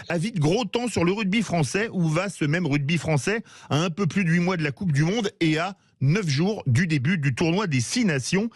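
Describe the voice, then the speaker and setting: A man hosting a sports radio talk show, introducing guests and asking questions in a measured way, sometimes correcting himself. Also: on the high side, dry recording, clean studio sound. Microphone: studio microphone.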